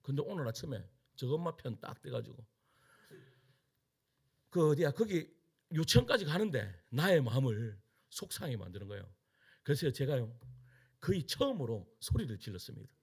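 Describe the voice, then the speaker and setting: Middle-aged male pastor, Gyeongsang Korean accent, gravelly and husky, wildly animated storytelling sermon. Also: medium pitch, normal speed, pauses often. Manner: animated storytelling with acted-out quotes and frequent laughter. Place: church sanctuary.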